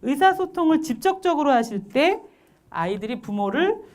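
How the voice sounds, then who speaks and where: A woman's voice: sits high, moderate pace. A woman parenting educator giving a lecture and asking her listeners questions as she goes. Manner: asks the audience questions, lively and expressive.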